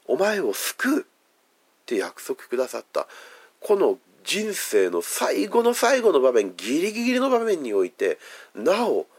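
Japanese-speaking pastor with lively, swinging pitch. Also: male voice. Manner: emphatic, drawn-out phrasing with soft, hushed endings. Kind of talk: sermon.

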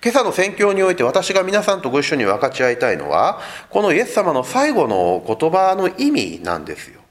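Man, pastor, sermon, highly expressive swooping pitch, slightly high voice, vivid storytelling to the congregation. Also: fairly quick. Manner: animated storytelling, speaks directly to the congregation. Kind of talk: Sunday sermon.

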